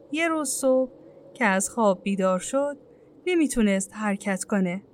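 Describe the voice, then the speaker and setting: A woman with a somewhat high voice reads a children's fairy tale aloud. She narrates in a gentle, even storytelling way, as for young listeners.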